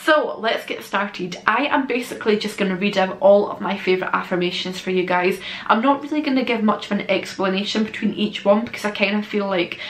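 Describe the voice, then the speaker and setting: Woman, self-help influencer vlog, casual and encouraging, jokey swearing, medium pitch, roomy bedroom echo. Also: a little fast. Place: small bedroom, indoors. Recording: roomy bedroom echo, clear background noise.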